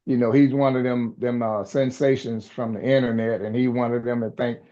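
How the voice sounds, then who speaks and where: A man's voice: mid-range voice, level tone, brisk, dark tone. Blunt laughing man, dull lo-fi sound. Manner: blunt, dismissive, laughs easily. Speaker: co-host. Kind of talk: casual sports chat.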